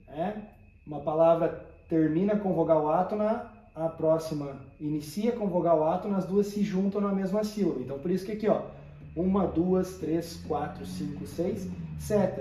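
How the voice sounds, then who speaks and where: A man's voice: fairly high pitch, dark tone, echoey room. A man teaching a poetry lesson, explaining step by step and often checking that listeners follow.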